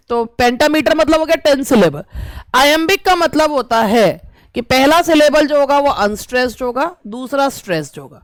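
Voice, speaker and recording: A woman teacher, reading English exam questions slowly and explaining them at length. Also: high-pitched, no echo. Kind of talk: exam-prep lesson.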